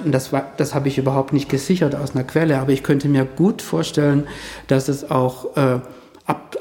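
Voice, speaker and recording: A man talking through history in a relaxed interview, thinking aloud with many fillers and restarts. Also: a little high. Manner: hesitant, many fillers and restarts, speculative asides. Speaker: historian guest.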